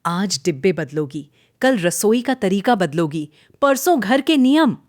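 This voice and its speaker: A woman voicing a stern, nagging older mother-in-law with sharp, taunting lines in a cartoon story. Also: on the high side, animated, normal speed, no room sound, clean studio sound, voice pushed up, natural voice.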